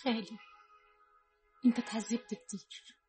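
An actress with an Egyptian accent playing a soft, pleading young village woman in a vintage radio drama. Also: on the high side, fairly even intonation, moderate pace, soft background music, close to an everyday voice. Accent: Egyptian Arabic. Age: young adult. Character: young village woman Laila, clinging to her uncle.

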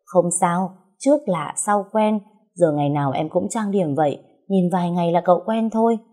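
A woman voicing a feisty, sharp-tongued young wife who teases and argues cheekily. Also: fairly low pitch, lightly acted. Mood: coy boasting. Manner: cheeky, teasing, quick to argue.

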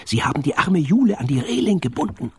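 A man voicing a brave but nervous young boy sailor in whispered role-play, talking in a quick, breathy half-whisper. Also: fairly high pitch, sing-song, slight background noise, voice pushed up. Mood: urgent.

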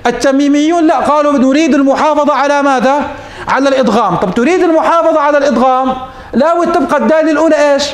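A man's voice: very high-pitched, very fast, reverberant. A man teaching morphology as a sheikh, posing questions to his students and answering them himself. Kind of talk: classroom lesson.

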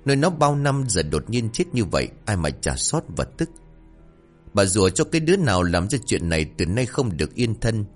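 A man with a lowish voice narrates a horror story, his pitch rising and falling with lively drama. Faint music plays underneath. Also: a little fast.

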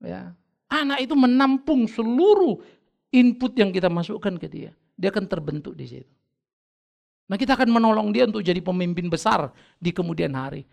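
A pastor from North Sumatra, Indonesia, a middle-aged man with a high-pitched, creaky voice, speaks at a moderate pace. He fills his sermon with lively, funny stories and performs family conversations as he goes.

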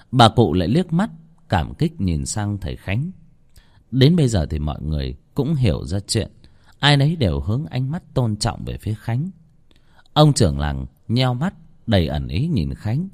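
A man's voice: lowish voice, huge pitch swings, moderate pace, a little mellow. Dramatic man narrating a horror tale. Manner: dramatic, tense storytelling. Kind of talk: scripted horror story narration.

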